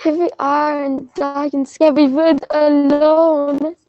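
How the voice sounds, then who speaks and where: A naive little fairy-tale girl, acted by a woman, high and slow in delivery. The character is anxious and trusting, in a comic children's play. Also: flat delivery, dry recording, highs cut off.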